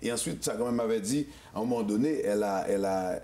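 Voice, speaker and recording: A man from Haiti, hosting a casual interview, talking in an animated way with frequent stammered restarts. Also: lowish voice, fast, roomy sound. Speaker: show host.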